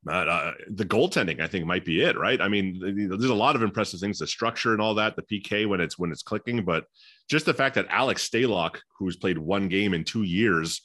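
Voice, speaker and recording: A man co-hosting a casual hockey podcast, telling stories quickly and animatedly and slipping into quoted voices. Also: deep voice, a bit bright, dry recording, clean studio sound. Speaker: hockey beat reporter and podcast co-host. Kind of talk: casual sports chat.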